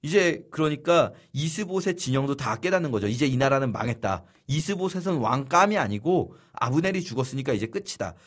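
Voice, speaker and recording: A man teaching a Bible study lesson in a lively storytelling way, acting out the figures' lines. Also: mid-range voice, a little fast, few pauses.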